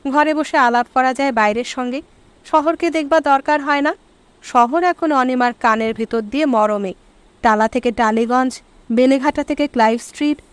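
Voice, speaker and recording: A woman narrating a short story for an audiobook in an expressive reading style. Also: sits high, clear, resonant tone, no echo. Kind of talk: scripted narration.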